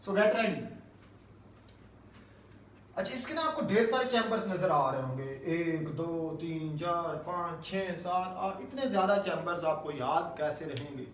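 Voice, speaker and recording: A man with a fairly high voice teaches chemistry at an unhurried pace, repeating each key term so students can follow. He sits a little back from the mic, and the room rings with echo, with faint background hiss. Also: distant mic. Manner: slow, explains step by step and repeats key terms; mixes English technical terms into his speech. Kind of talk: recorded classroom lecture.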